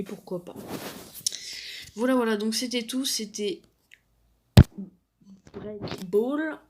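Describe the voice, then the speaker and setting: A woman's voice: medium pitch, a little mellow, a little hiss or hum. A woman hosting a casual game tutorial, rambling with lots of fillers and self-deprecating asides. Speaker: gaming tutorial host.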